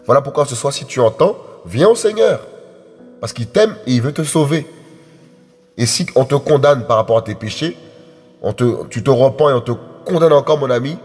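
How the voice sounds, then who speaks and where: Male preacher, husky and fervent, repeats his points, long hall echo. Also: mid-range voice, a little fast, a little mellow. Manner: emphatic, repetitive, addresses the congregation as friends. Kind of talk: sermon. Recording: echoey hall with faint music.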